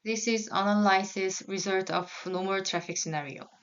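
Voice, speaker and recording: A graduate student who grew up speaking Korean delivers her research results in English, reading carefully and pausing or restarting briefly. Her medium-pitched voice is smooth, with fairly even intonation and a moderate pace, on a slightly dull recording.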